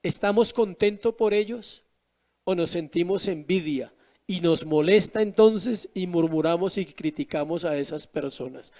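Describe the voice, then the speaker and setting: Man, pastor, high voice, sermon, rhetorical questions. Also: a little slow, dark tone. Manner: preaching with rhetorical questions, emphatic rises and drops.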